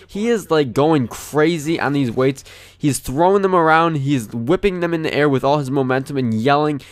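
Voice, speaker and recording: A man's voice: fairly high pitch, normal speed, no room sound. Rambling young man telling a story. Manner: rambling, animated, many fillers. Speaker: gaming channel host. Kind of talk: casual storytelling over gameplay.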